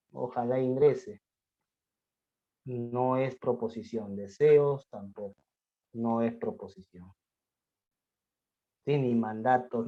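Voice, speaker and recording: Man lecturing slowly, dull lo-fi sound. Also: mid-range voice, warm tone. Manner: explains by voicing students' questions and answering them, often slowing to dictate. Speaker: math teacher. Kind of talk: classroom lecture on logic.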